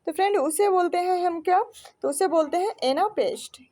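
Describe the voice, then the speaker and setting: Young Indian woman, exam tutor, very high pitch, soft dark tone, drills students with repeated questions. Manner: reads questions slowly, then explains in Hindi with repeated quiz-like questions. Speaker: English teacher. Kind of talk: exam-prep lesson.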